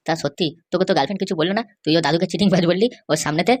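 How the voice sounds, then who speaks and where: A woman's voice: on the low side, racing, no room sound, studio quality, natural voice. Nosy cartoon buddy firing off questions at full speed woman voicing. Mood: prying. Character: nosy young cartoon man, the friend. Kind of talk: cartoon voice acting.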